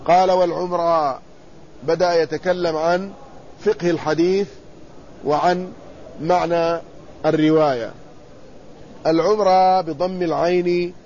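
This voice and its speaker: A man with a high-pitched voice teaches a hadith lesson, reading lines from a classical commentary and unpacking each one in plain words. He often pauses to pose a question and answer it himself. The recording sounds slightly dull, with a faint hiss of noise behind him. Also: darkish tone. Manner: reads quoted text then explains it plainly, pausing to ask and answer himself. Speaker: Islamic scholar teaching hadith.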